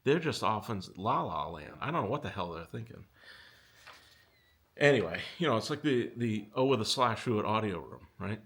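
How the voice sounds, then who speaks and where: A middle-aged man hosting a casual commentary video, talking with animated exasperation that pushes his pitch up. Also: moderate pace. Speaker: audio company owner and video host.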